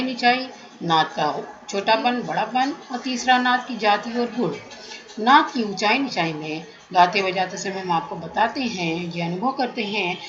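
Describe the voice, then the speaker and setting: A woman teaching a music theory class, explaining terms step by step in a measured lecture. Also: mid-range voice, highs cut off.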